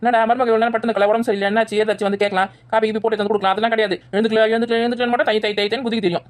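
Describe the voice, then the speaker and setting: A defiant young daughter-in-law, played by a woman in a homemade village skit. She argues back at breakneck speed in a slightly high voice. She is cheeky and never lets a jab go. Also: little pitch movement, close to an everyday voice. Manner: argumentative, talks back fast. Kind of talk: village family comedy skit.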